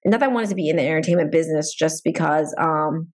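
A woman in her forties, a lawyer talking through her background in a relaxed, thoughtful way with many pauses. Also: low voice. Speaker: guest, entertainment lawyer. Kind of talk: casual interview talk.

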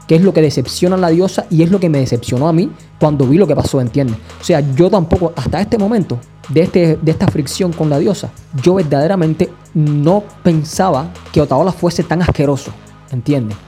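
A man hosts a podcast, talking through his opinions in a measured, analytical way. His voice is dark and mellow, pitched a touch above the usual male range. Soft music plays faintly behind him. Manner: measured, analytical, often asks "you know?". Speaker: podcast host. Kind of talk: opinion commentary.

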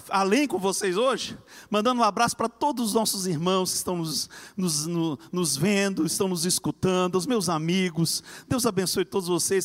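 Preacher dude, high voice, fired up sermon, long echoey hall. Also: male voice. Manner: fervent, swings between loud and hushed.

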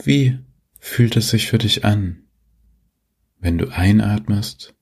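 A man guiding a sleep meditation like a sleep story narrator, soothing and gentle, leaving long pauses, in a soft, husky voice. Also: lowish voice. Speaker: meditation guide, host.

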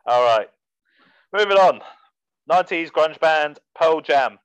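A man's voice: fairly high pitch, animated, slow pace, clear, resonant tone. Laughing man hosting a podcast. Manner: laughs often, swears casually. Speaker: podcast host running a music list. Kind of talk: casual banter podcast. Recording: dull muffled sound, dry.

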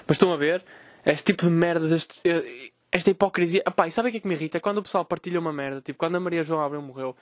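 A man's voice: a little high, very fast, dry recording, clean studio sound. A young man with a European Portuguese accent, ranting sarcastically and swearing on his solo podcast. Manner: profane, sarcastic, mocking voices of others. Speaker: podcast host.

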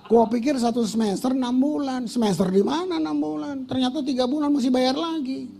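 A man's voice: extremely high pitch, brisk, creaky, dark tone. An older man preaching a sermon as pastor, telling personal stories with emotion and casual slang.

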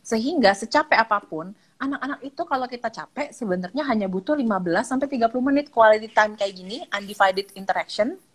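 Wanita bicara ekspresif, campur istilah Inggris. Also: female voice, fairly high pitch, quick pace. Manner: animated, acts out parents' quotes with lively intonation; mixes English words into speech. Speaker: child psychologist guest. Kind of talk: casual live-stream chat.

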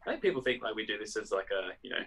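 A man's voice: fairly low pitch, very animated, very fast, a bit bright, breathy edge. A man co-hosting a podcast, throwing in dry teasing quips. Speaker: podcast co-host. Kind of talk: casual chat.

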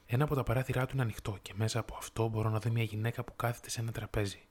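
A man voicing a sorrowful male prince statue, speaking in a low, soft, musical voice. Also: fairly even intonation, natural voice.

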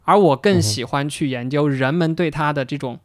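A man's voice: a little high, normal speed, no room sound, clean studio sound. A man co-hosting a casual podcast conversation, talking through his own path in a reflective, storytelling way with some repeated words. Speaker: podcast co-host, interaction designer. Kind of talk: casual chat.

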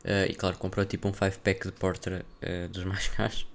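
A young man speaks European Portuguese-accented speech in a lowish voice with very little melodic movement. He hosts a casual solo podcast, thinking aloud in a rambling, slang-filled way. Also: completely flat delivery, normal speed, gravelly. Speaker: podcast host.

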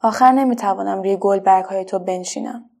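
A woman voicing a shy, timid paper butterfly in a children's story, speaking quietly and hesitantly. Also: mid-range voice, creaky. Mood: ashamed.

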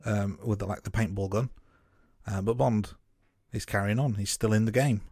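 A man co-hosting a podcast, giving measured, note-by-note commentary on a film. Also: fairly low pitch, fairly even intonation, gravelly, darkish tone, dry recording, clean studio sound. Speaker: podcast co-host. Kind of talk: casual film review chat.

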